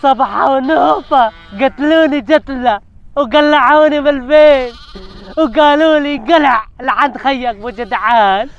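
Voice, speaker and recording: A man's voice: very high voice, moderate pace. A man playing a henpecked village husband thrown out by his two wives, complaining dramatically in a comic sketch. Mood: pleading. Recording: dull lo-fi sound.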